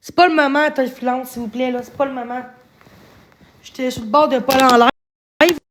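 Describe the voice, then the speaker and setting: A woman's voice: high-pitched, fairly even intonation, brisk, a little hiss or hum. A young woman with a Quebec French accent, ranting defensively on a livestream and stumbling over repeated words. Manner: agitated, defensive, stammering repeats. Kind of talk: upset livestream rant.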